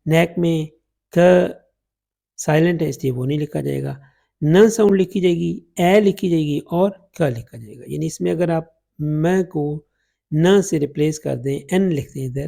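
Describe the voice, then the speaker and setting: A man gives an unhurried phonetics lesson, stretching out each example word so learners can hear it. His voice is dark, husky and gravelly, pitched a little high for a man. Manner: slow, drawn-out demonstration of vowel sounds. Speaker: English teacher. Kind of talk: phonetics lecture in Urdu-Hindi with English examples.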